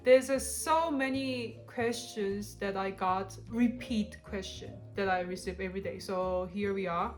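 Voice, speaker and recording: Faint music sits behind this co-host of a couple channel, a young adult woman from South Korea with a Korean accent. She keeps a measured pace in her mid-range voice with hardly any pauses, chatting bluntly and laughing often through the casual Q&A.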